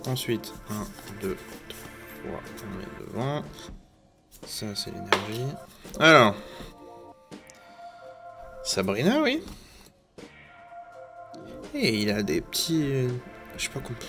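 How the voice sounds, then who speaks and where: A man's voice: medium pitch, gravelly. A man casually commenting while he opens trading card packs, joking at his own expense with rambling asides. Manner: jokey, chatty, wandering asides. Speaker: YouTuber opening Pokémon card packs. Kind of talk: casual self-mocking commentary to camera.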